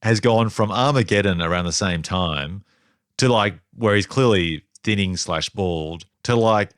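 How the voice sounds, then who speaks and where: A man's voice: fairly low pitch, fairly bright tone, no room sound, clean studio sound. A man co-hosting a movie review podcast, chatting casually and playfully with frequent laughs. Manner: playful, laughs often, quick asides. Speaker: podcast co-host.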